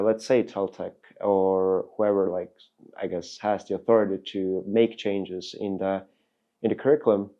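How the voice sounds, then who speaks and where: In a fairly low voice with the highs cut off, a man hosts a podcast, chatting casually and posing lengthy, rambling, searching questions to his guest.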